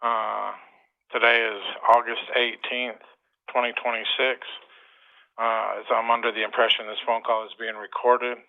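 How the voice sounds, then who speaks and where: A man calling in over a speakerphone line, reading a prepared formal statement as a claimant, with deliberate pacing and frequent "uh" pauses. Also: mid-range voice, little pitch movement, vocal fry, phone-quality sound. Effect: heard over a speakerphone line.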